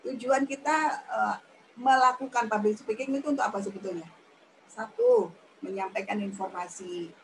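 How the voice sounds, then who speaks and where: A woman's voice: steady tone, normal speed, slight background noise, low-quality recording. A woman giving a talk on public speaking in a chatty, demonstrative teaching manner. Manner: chatty, demonstrative, acts out high-pitched examples. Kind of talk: radio talk lesson.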